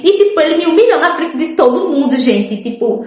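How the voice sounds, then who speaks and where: A woman's voice: sits high, expressive, a little fast, darkish tone, echoey room. A young woman, casually telling viewers her life story and acting out what others said. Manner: chatty, often says "gente" and "tipo", acts out others' lines.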